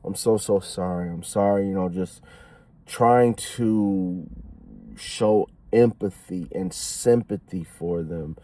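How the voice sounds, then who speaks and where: A young man telling a story in a casual vlog, slangy and animated, swinging from giddy excitement to hushed, somber talk. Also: low-pitched, takes it slowly. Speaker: new dad telling a story.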